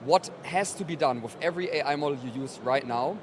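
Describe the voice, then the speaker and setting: Interviewed at a trade event, a man speaking for his company describes his product in a conversational way, his voice on the high side and his pace fairly quick. Loud trade show floor noise from the busy exhibition hall sits under the recording.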